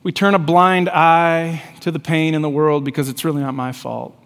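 A man in his thirties preaching a sermon as pastor, swinging between hushed softness and loud emphasis. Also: a little high, fairly even intonation, normal speed, smooth. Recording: long reverb of a large hall.

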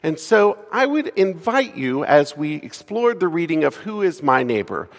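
A man's voice: a little high, big pitch swings, normal speed. A man officiating a memorial service in a cathedral, giving welcomes and announcements in a courteous, orderly funeral-director manner. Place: large cathedral interior. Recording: reverberant church hall.

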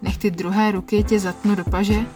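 A woman narrating an erotic story in the first person, quiet and intimate, with a husky voice. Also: medium pitch, flat delivery, music in the background. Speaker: podcast narrator.

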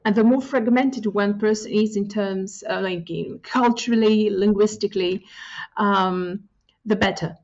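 A Greek woman, a native Greek speaker, is a guest giving reflective interview answers in a thoughtful way, pausing often and using fillers. Her voice is medium-pitched and a little mellow, and the audio is muffled.

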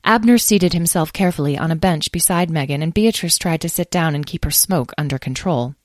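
A woman narrating a children's story in a calm, measured way. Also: low voice, no room sound, clean studio sound.

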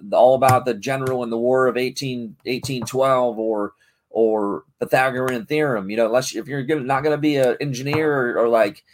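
A middle-aged man in a casual talking-to-camera vlog, rambling excitedly with lots of restarts. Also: mid-range voice. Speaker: vlogger and parent.

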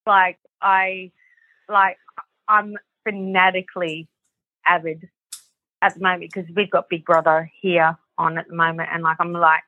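A woman's voice: lowish voice, level tone, unhurried, no echo. Chatty Australian woman guest, rambling and swearing, heard over a tinny, dry phone line. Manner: rambling, heavy on fillers and swearing. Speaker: guest author. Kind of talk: casual podcast chat.

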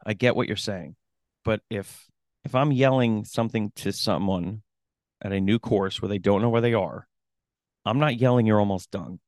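Male coach co-hosting a chat podcast: low-voiced, emphatic, quick to laugh, close dry mic. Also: a little mellow, no room sound. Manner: emphatic, laughs often while making a point. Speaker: running coach and podcast co-host. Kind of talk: casual chat.

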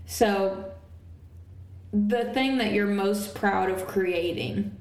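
A woman's voice: mid-range voice, very slow, a little mellow. Woman co-host, casual faith podcast, frequent laughs, roomy sound. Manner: chatty, laughs often. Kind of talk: casual chat. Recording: roomy echo.

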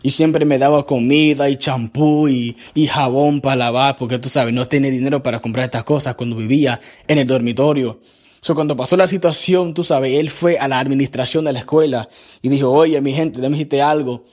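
A pastor speaks in an easy, conversational way as he tells his life story, leaning on fillers and dropping in English words. His voice sits at an ordinary middle pitch. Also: steady tone, brisk, darkish tone. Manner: casual, fillers like "tú sabes", mixes in English. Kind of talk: personal testimony.

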